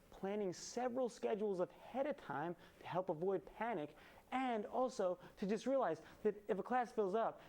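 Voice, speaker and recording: A man's voice: high voice, a little mellow. Male late-night host, twenties, punchy topical joke delivery, studio stage monologue. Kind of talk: comedy monologue with topical jokes. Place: student TV studio with painted skyline set.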